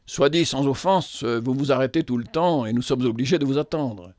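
A man voicing a rough bearded male guide who is blunt but polite, speaking briskly and urgently. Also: mid-range voice, a little mellow, no room sound, close to an everyday voice. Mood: impatient.

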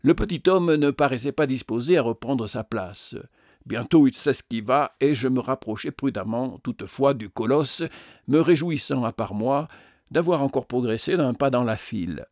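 A man narrating a novel as an audiobook, in a measured reading with occasional hesitations. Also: mid-range voice, a little mellow, dry recording, studio quality.

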